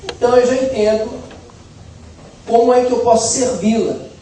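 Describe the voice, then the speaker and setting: A middle-aged man from Brazil with a high voice, preaching in a church hall with humor and a chatty, storytelling manner. He sounds far from the mic in a very echoey hall, with faint noise behind him. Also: moderate pace, dark tone. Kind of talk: sermon.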